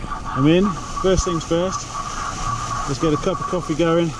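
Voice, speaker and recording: A man's voice: on the high side, fairly even intonation, unhurried. Man vlogging through roaring wind and rain. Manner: talking amid rain and wind. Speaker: outdoor vlogger. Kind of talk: casual vlog narration to camera. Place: outdoors on a mountain in winter weather and inside a tent. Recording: loud wind noise buffeting the mic. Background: loud wind and rain.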